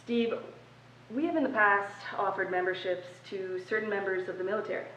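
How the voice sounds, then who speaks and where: A woman's voice: mid-range voice, fairly quick, fairly bright tone, slight background noise, lightly acted. A woman reading the part of a stern older man recruiting for a club, with intense, solemn delivery, recorded on a distant, echoey mic. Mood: menacing.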